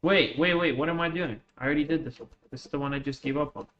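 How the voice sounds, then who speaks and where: With a quick pace and a voice on the high side, a man chats casually with slang as he streams a game to viewers. He has a slight Russian accent, having moved from Russia to the U.S. at eleven, and his lo-fi mic sounds dull with faint noise.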